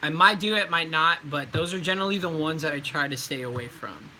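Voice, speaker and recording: On a rough recording with slight background noise, a man who voice-acts chats through a casual livestream Q&A at a fairly quick clip. His tone is very bright and sharp-edged, somewhat high for a man, and he rambles with plenty of ums and likes.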